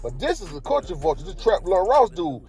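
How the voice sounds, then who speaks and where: A man's voice: high-pitched, very animated, brisk, darkish tone, soft background music. A man hosting a casual commentary vlog, talking in slang and throwing rhetorical questions at his viewers. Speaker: commentary channel host.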